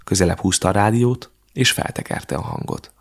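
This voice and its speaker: Audiobook narrator, man, very low gravelly voice, measured and steady. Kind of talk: scripted narration.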